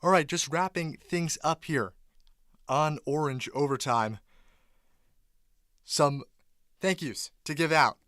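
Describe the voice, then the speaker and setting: Slightly high-voiced male radio sportscaster, dry sound. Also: takes it slowly, pauses often, a bit bright, no echo. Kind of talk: broadcast wrap-up and handoff.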